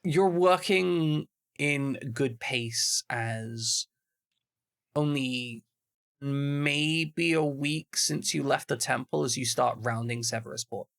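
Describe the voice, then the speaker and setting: A man's voice: mid-range voice, slow pace, vocal fry, a bit bright. A man narrating as game master of a tabletop game, chatty and full of asides. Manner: explains at length, chatty with many asides.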